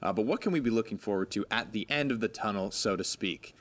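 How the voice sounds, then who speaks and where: Bright, forceful male show host. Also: fairly low pitch, animated, fast talker. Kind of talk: casual hosting banter.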